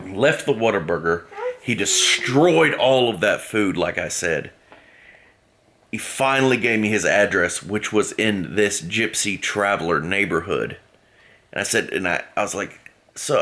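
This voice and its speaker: Low-voiced man telling a story. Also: sharp tone. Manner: rambling, amused, repeats himself. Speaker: vlogger. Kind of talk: casual storytelling to camera.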